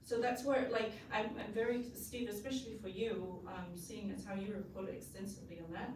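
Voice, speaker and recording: A woman from Samoa speaking up from the audience at a panel, with a thoughtful, measured manner and many fillers. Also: medium pitch, steady tone, distant mic. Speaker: audience member asking a question. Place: conference hall. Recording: roomy hall audio from afar, noisy.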